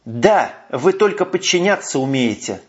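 A man's voice: fairly high pitch, big pitch swings, moderate pace, voice pushed up. Male narrator as a cutting, scornful young woman, voice a touch raised, lo-fi audio. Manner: mocking, cutting. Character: sharp-tongued young brunette woman, scornful. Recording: muffled lo-fi audio.

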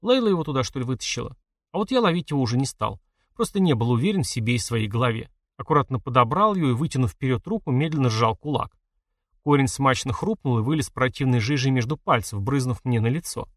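A man reading a first-person novel as an audiobook narrator, in an even, measured way. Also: mid-range voice, no room sound, clean studio sound, distant mic.

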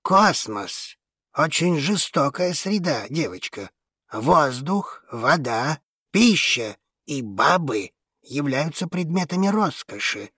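A husky, gruff old space trader, voiced by a woman narrating a storybook. He is surly and dismissive, and his low voice swings widely in pitch. The read is close and dry. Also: very animated, takes it slowly, fairly bright tone, no room sound, exaggerated voice. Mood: cynical.

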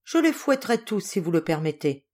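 A woman's voice: mid-range voice, sing-song, a little fast, a little mellow. Woman reading a whining, fawning niece. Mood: tearful pleading. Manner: whining, pleading.

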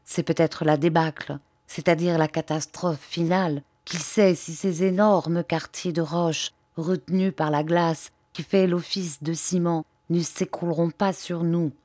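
A woman's voice: fairly low pitch, steady tone, measured pace, hardly any pauses, a little mellow, dry recording. A woman voicing a serious, anxious learned man in a storybook reading, speaking earnestly. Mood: grave. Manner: earnest, solemn explaining.

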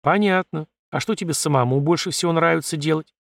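A man voicing a calm, firm male leader of a valley who speaks bluntly. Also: on the high side, brisk, creaky, no echo, clean studio sound.

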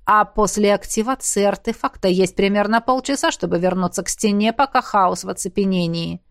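A woman voicing a gruff, burly male academy coach who barks orders at his students. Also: mid-range voice, fairly quick, dry recording, clean studio sound, lightly acted. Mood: lecturing. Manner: barking commands, shouting. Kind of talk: audiobook character voice.

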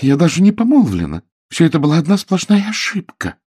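A man's voice: wildly swooping pitch, a little fast, darkish tone, breathy edge, exaggerated voice. Flustered young woman, as a man puts her on. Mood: pleading. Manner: high, strained falsetto.

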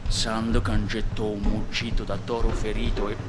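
A man narrating an adventure novel in a dramatic radio reading that swings between hushed and raised passages. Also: fairly low pitch, little pitch movement, moderate pace, background noise. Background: music.

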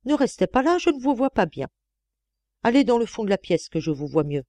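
A woman's voice: a little high, big pitch swings, brisk, darkish tone, dry recording, pitched above the performer's own voice. A woman reading an audiobook voices a cruel, scornful old woman who is hiring a maid, speaking in an imperious, cutting manner. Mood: fussy.

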